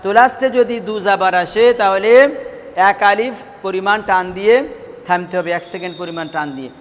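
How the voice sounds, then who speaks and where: Guy teaching a recitation class, pretty high voice, keeps quizzing the kids, echoey room. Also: fairly even intonation, a bit bright. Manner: asks students questions and repeats answers, drawn-out drilled syllables. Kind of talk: classroom lesson.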